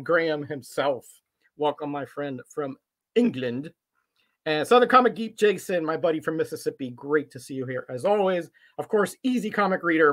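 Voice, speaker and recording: A man's voice: a little high, fairly bright tone. A man casually hosting a live stream from his home collectibles room, friendly and rambling with lots of fillers. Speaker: comic collector streamer host.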